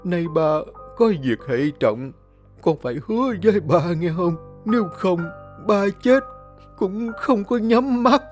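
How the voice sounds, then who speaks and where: A man's voice: sits high, animated, slow, a little mellow, faint music behind, voice pushed up. A man voicing a frail dying old father, thin and strained. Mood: pleading. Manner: thin, strained, breaking into coughs.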